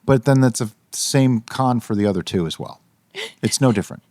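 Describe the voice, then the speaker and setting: Male podcast co-host, casual and opinionated, lively pitch, dry close sound. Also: normal speed, no echo. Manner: animated, opinionated, rationalizing aloud.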